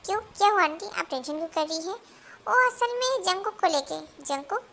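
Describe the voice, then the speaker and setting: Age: young adult. Figure: a woman voicing a polite, calm young man. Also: very high voice, brisk, heavily acted. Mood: soothing. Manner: polite, soothing. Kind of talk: fan dub drama.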